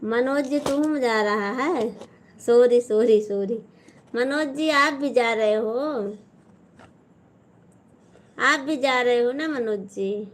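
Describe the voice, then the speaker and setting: A woman's voice: sits high, takes it slowly, long pauses, fairly bright tone. A young Awadhi woman on a casual live stream, chatty and teasing as she reads viewer comments aloud and replies.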